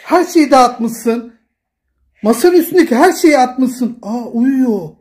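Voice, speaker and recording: A man talking casually at home, pleading and gently scolding with repeated short commands to calm down. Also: very high voice, slow. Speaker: father filming his daughter at play.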